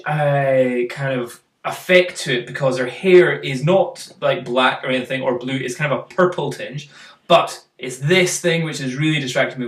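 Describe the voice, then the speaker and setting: A man's voice: on the high side, fairly bright tone. Chatty man critiquing photos. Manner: chatty, uses fillers, quizzes co-host. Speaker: photography channel host. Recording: roomy, mic at a distance.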